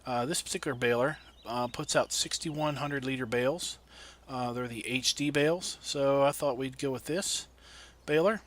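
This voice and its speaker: A man giving casual, unhurried gameplay commentary as host of a farming game video, thinking aloud in a folksy way with a tractor engine rumbling behind him. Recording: loud vehicle engine noise behind voice.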